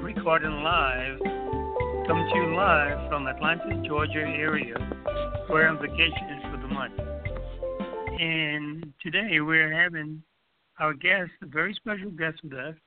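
A man's voice: a little high, steady tone, unhurried, loud music behind the voice. A man hosting an internet radio interview in a formal, courteous manner, repeating his phrases, on a narrow phone-like line. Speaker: radio show host.

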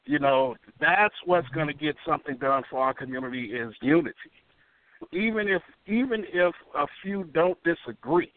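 A man's voice: a little high, dry recording. A man calling into a sports talk show over the phone, rambling and repeating words as he searches for his point. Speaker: caller. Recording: tinny dry phone line.

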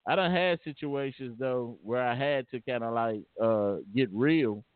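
A man's voice: medium pitch, a little slow, clean tone, no echo. A man telling a personal story casually and earnestly, often repeating and restarting his phrases. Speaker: vlogger. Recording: tinny phone-like dry sound.

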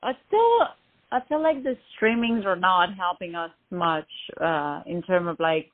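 A woman's voice: lowish voice, animated, unhurried. A woman musician who grew up in France, answering interview questions hesitantly with many fillers. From Lebanon, raised in France. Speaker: musician guest. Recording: tinny phone-line sound.

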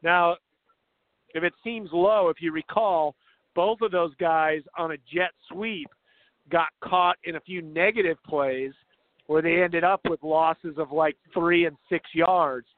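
A man's voice: fairly high pitch, unhurried, no echo, phone-quality sound. A man hosting live halftime sports commentary, running through stats and handing over to colleagues. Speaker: sports play-by-play host. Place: outdoors at a football field. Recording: thin, band-limited broadcast sound.

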